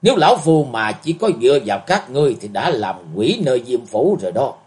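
A man's voice: lowish voice, big pitch swings, unhurried. A man voicing a cold, lecturing old martial healer in a storybook reading. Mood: scornful.

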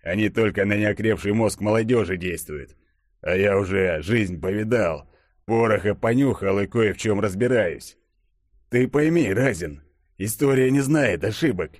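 A man voicing a seasoned, stern male chief who speaks in a gruff, measured, growling way. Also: fairly low pitch, dry recording, clean studio sound, lightly acted.

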